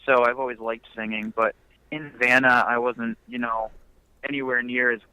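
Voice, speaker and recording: In a relaxed phone interview, a young musician rambles and peppers his speech with fillers. His mid-range voice is flat and normal in speed, pushed and bright with a clean tone and no echo, heard through a muffled phone connection.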